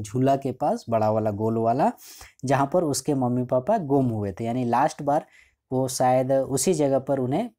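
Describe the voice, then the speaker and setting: Mellow-voiced man explaining a school lesson. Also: mid-range voice. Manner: reads English lines slowly, then explains them casually; frequent checking fillers. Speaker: teacher. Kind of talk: line-by-line explanation of a school chapter.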